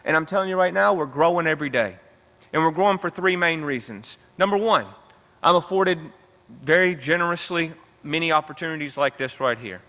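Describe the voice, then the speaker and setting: Man, fired-up convention speaker, bright forceful tone, reverberant hall, punchy repeated phrases. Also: on the high side, brisk. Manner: emphatic, repetitive rallying cadence. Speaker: union veterans council director. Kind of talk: convention rally speech.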